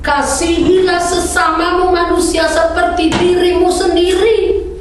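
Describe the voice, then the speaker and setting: A woman's voice: very high voice, little pitch movement, unhurried, noisy background. Echoey woman preaching from far off. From Indonesia. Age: 40s. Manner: earnest preaching, growing fervent and emphatic. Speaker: minister to Indonesian migrants. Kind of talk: personal testimony and exhortation. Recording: very echoey room, mic far off.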